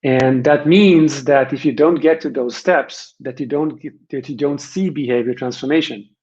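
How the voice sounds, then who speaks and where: Dull, band-limited audio carries a webinar by a software vendor's presenter, an Israeli-accented man. His mid-range voice holds a steady tone at normal speed and sounds a little mellow, and he explains things emphatically in a conversational way, repeating phrases to drive them home.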